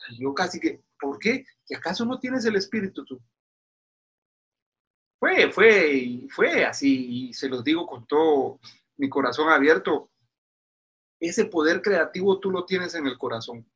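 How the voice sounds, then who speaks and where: Middle-aged pastor from Guatemala, bright husky voice, earnest preacherly interview guest. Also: male voice, on the high side, expressive, measured pace, highs cut off. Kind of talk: casual interview talk.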